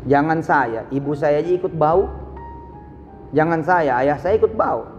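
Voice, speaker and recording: A man preaching a live sermon, telling stories with sudden swings from low asides to high exclamations. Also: expressive, a little slow, a little mellow, big-room sound, lo-fi sound, soft background music. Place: large hall, live event.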